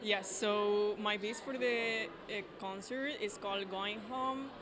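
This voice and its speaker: Flat-toned woman composer, careful speech. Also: mid-range voice, slow pace, a crowd in the background. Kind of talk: interview answers.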